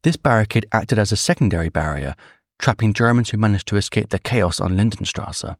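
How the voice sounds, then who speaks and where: Low-voiced man narrating a history documentary. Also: animated, no room sound, studio quality. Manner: measured, reads quoted memoirs with rising intensity.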